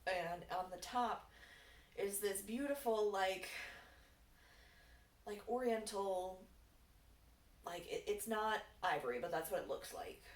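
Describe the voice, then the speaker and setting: A woman talking casually and personally in a halting, informal way, peppering her speech with "like". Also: medium pitch. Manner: informal, halting, filler-heavy with frequent "like". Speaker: co-host of a casual Q&A video. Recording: roomy echo, distant mic, faint noise.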